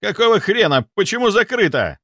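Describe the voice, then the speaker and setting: A man voicing a brash, rude necromancer who barks his lines loud and high. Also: very animated, very slow, dry recording, clean studio sound, exaggerated voice. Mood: furious. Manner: barking, rude. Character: brash angry male necromancer boss.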